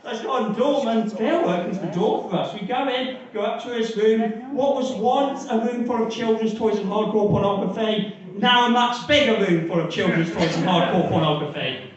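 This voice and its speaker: A man performing a crude stand-up story on a comedy club stage, telling it in a deadpan way. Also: high-pitched, normal speed, slight background noise. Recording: echoey club, mic from far off, dull sound.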